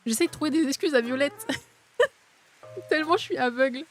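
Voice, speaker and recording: A woman casually commenting on a game stream and reading the game's dialogue aloud, expressive and chatty, with a habit of mocking characters. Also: normal speed. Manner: chatty and expressive, mocking other characters in exaggerated high tones. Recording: faint game music underneath.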